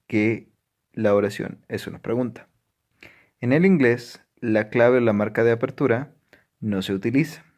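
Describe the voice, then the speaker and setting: A man's voice: fairly low pitch, a little mellow. A man teaching a language lesson, emphatic and checking in with frequent "ujú" affirmations. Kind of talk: explanatory lesson.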